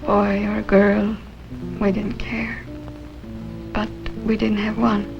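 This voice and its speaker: An actress with a mid-range, monotone voice and some vocal fry speaks slowly as a weary, wistful married woman in a 1950s TV drama. Earnest and plaintive, the character denies a secret and then confesses it, heard over a dull 1950s soundtrack with loud music behind.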